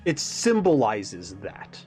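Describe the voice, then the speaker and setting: A reaction video creator gives casual, reflective commentary on a game character video, rambling as he thinks aloud with self-aware asides. His medium-pitched voice is warm, slow, and full of huge pitch swings, with faint music in the background.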